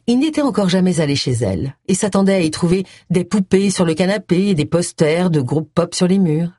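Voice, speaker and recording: A woman narrating an audiobook in expressive storytelling style. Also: fairly low pitch, fairly quick, breathy edge, no room sound, clean studio sound. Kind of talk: scripted narration.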